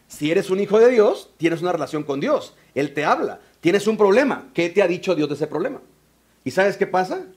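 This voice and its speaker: A man with a Mexican Spanish accent preaching a sermon in church, animated and joking as he acts out voices. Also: high voice. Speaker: pastor and biblical counselor. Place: church before a congregation.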